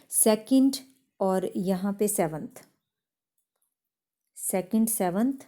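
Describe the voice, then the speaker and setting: A woman teaches a chemistry lesson in a classroom, explaining step by step and often checking that her students understand. Her voice is medium in pitch with a warm tone.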